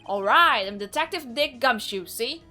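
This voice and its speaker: A woman voicing a gruff, blustering male police detective with a put-on Southern drawl, loud and barking. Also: on the high side, animated, a little slow, soft background music. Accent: put-on American Southern. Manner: loud, barking, tacks on "see?".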